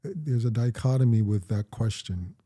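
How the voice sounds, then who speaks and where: A middle-aged Jamaican man with a Jamaican accent speaks in a warm, expressive, mid-range voice. He's the parent being interviewed, chatting casually with his daughter and telling stories in a reflective, measured way.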